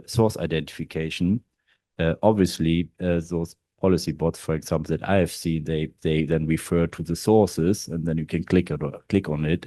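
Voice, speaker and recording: A German man working as in-house counsel speaks, with a German accent, on a panel at a law event set in a large historic hall. His low-pitched, warm voice comes through a dry recording, and he sounds hesitant, using many fillers.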